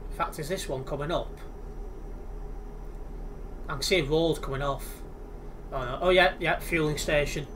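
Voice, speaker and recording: Streaming a game from his home computer on a headset, a young Englishman chats in an easy, talkative way, often restarting his sentences. His voice sits on the high side, moving at a moderate pace with frequent pauses, and there's background noise.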